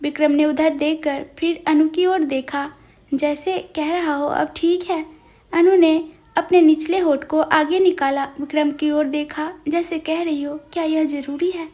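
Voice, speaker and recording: A woman reading a romance story aloud in a steady, plain storytelling manner. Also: high-pitched, a little slow. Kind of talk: scripted story narration.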